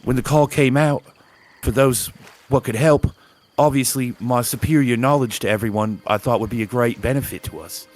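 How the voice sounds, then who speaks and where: A man's voice: medium pitch, normal speed, natural voice. Man playing a pompous know-it-all librarian. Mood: boastful. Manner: pompous, boastful. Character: pompous male librarian boasting of superior knowledge.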